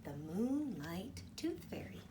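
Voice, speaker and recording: A woman teacher with a slightly high voice reads a kids' storybook slowly and expressively, frequently pausing for questions to the children. The mic is distant, and background noise is present.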